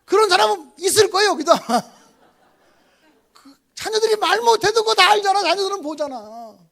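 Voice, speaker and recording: A man in his fifties preaches a revival sermon in a strikingly high voice. He tells family stories and acts out the dialogue, moving between loud outbursts and hushed asides. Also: animated, brisk, creaky. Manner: storytelling with swings from loud outbursts to soft asides. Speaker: guest pastor.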